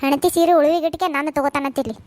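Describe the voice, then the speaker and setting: A woman voicing quarrelling village women in a cartoon, shrill and cursing, with a North Karnataka accent. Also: steady tone, rapid-fire, darkish tone, no echo, natural voice. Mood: possessive. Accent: North Karnataka Kannada. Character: shrill quarrelsome village mother-in-law and daughter-in-law. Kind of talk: cartoon voice acting.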